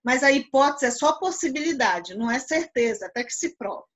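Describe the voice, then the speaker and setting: A woman's voice: high-pitched, expressive, brisk. A Brazilian Portuguese woman teaching philosophy over a video call, explaining patiently and checking understanding often. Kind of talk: live online class.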